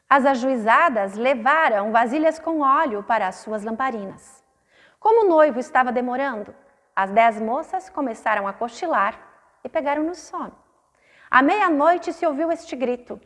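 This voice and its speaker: A woman reading a Bible passage aloud in a measured, expressive way during a church service. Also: high-pitched. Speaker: scripture reader. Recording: long reverb of a church hall.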